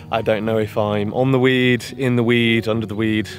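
A man's voice: medium pitch, level tone, measured pace. A young man vlogging outdoors by a lake, talking casually to a handheld camera with wry, self-deprecating asides. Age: young adult. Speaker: fishing vlogger. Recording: music bed underneath.

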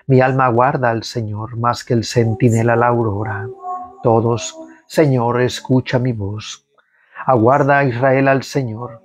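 A man leading listeners through a recited rosary, reading psalms in a slow, measured devotional way and guiding the responses. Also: medium pitch, a little mellow. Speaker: prayer leader.

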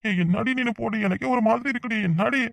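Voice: mid-range voice, fast, gravelly, dry recording, close to an everyday voice. A voice actor playing a hot-tempered, easily flustered young village husband in a cartoon comedy, with a Tirunelveli Tamil accent and scolding, exasperated rants.

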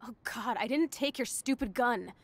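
A woman's voice: fairly high pitch, moderate pace, natural voice. An American actress playing a rebellious, sweary punk girl of about nineteen in a video game, cocky and sarcastic. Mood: defiant, annoyed. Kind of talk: video game drama acting.

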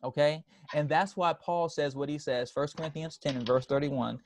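A man's voice: on the high side, steady tone, normal speed, dry recording. A man preaching a sermon as pastor, emphatic, repeating phrases and calling for responses from the congregation.

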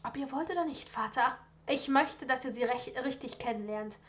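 A proud, defiant young aristocrat, as a woman reads him in a storybook reading. He speaks in a firm, insistent voice with a fairly high pitch. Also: normal speed, a bit bright.

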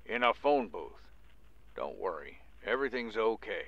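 An actor playing a furtive, impatient hired killer on a phone call in a radio crime drama, terse in manner. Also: male voice, on the low side, sing-song, normal speed, no room sound. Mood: conspiratorial, reassuring. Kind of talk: old-time radio crime acting. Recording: dull, muffled phone-call sound.

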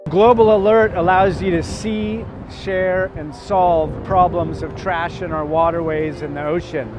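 Young man, higher voice, earnest testimony on a city street, music bed. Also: fairly even intonation, a little slow. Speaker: interviewee. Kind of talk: scripted promo testimony. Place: busy city square outdoors. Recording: street promo with music over it. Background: music and traffic.

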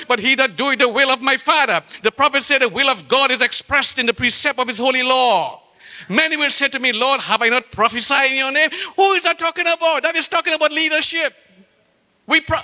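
A man's voice: extremely high pitch, pushed and bright. A man with a Trinidadian accent preaching a sermon in a church, asking rhetorical questions and stretching out key phrases for emphasis. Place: church sanctuary. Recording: long church-hall reverb.

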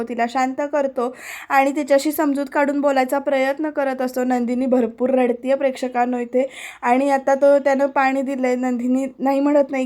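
A woman retelling a TV serial episode as a voice-over, quoting the characters and speaking to her viewers. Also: high voice. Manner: animated retelling, quotes the characters' lines and addresses viewers directly. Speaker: serial recap narrator.

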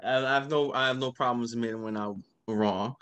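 Man, mid-pitched voice, animated sports podcast host, quick bursts. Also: lo-fi sound, crowd noise. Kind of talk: casual sports chat.

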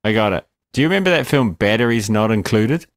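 Joking, rambling man with a lower voice. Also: animated, quick pace, dry recording, clean studio sound. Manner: joking, rambling with fillers and swearing. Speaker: film review podcast co-host. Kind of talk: casual banter.

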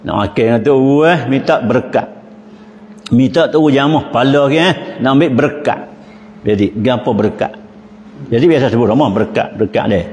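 A man with a Pattani Malay accent teaches religion in a mosque, lively and full of rhetorical questions and chuckles. His voice sits at an ordinary middle pitch and carries a long hall reverb. A faint hum of noise sits underneath. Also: moderate pace, muffled recording. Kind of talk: religious lecture in local dialect.

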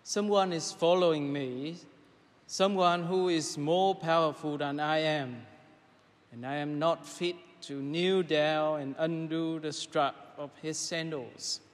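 A man, a priest, reading the Gospel and then preaching a homily, in a measured, pausing way with frequent hesitations, his voice carrying in a church with a cathedral-like echo. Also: on the high side, fairly even intonation. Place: large church. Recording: long reverberant church hall.

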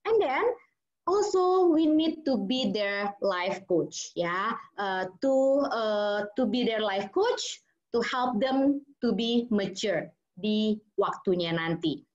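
Over muffled video call audio, a child psychologist with an Indonesian accent leads an interactive webinar on parenting. Her medium-pitched voice is expressive and slow, and she mixes English and Indonesian, using many fillers.

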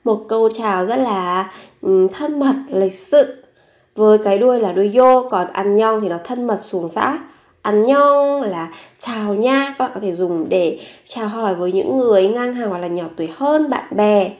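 Lady teaching korean phrases, says each one slow a few times then explains it. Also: medium pitch, darkish tone. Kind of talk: bilingual language lesson.

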